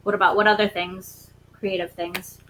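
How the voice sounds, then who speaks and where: A woman's voice: medium pitch, little pitch movement, normal speed, a bit bright, a little hiss or hum, rough recording. A woman and parent casually interviewing her child at home, prompting with leading questions and filling in answers. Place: family home.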